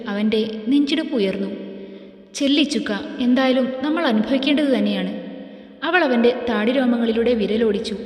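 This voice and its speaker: Woman narrating a storybook, echoey. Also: a little high. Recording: echoey room with long reverb.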